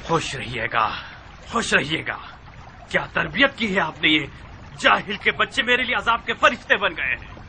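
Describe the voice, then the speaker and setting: A man's voice: on the high side, sing-song, moderate pace, pushed and bright, slight background noise, full character voice. An actor playing an irritable, short-tempered husband and father in a dubbed historical drama, scornful and sarcastic. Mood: angry.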